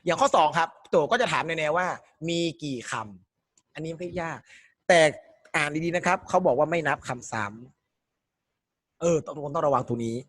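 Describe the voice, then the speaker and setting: A man's voice: fairly high pitch, moderate pace, a bit bright, dry recording. A man teaching an exam-prep language lesson, working through questions step by step and quizzing his students as he goes. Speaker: Thai language tutor.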